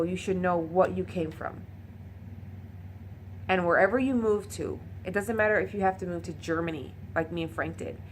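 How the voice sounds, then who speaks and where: A woman's voice: medium pitch, a little hiss or hum. A woman in her thirties with a Puerto Rican accent, ranting passionately and bluntly to camera and slipping into Spanish. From Puerto Rico. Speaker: vlogger. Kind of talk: unscripted personal rant to camera.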